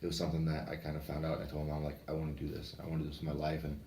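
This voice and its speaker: A man's voice: extremely low pitch, monotone, rapid-fire, dark tone, roomy sound, slight background noise. A man from Oregon telling rambling, profane stories about his past in a casual podcast chat. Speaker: podcast host and former fighter.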